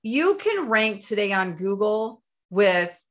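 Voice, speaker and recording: A woman teaching SEO in a screen-share tutorial, talking enthusiastically and running short of breath from excitement. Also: mid-range voice, slow. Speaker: SEO instructor.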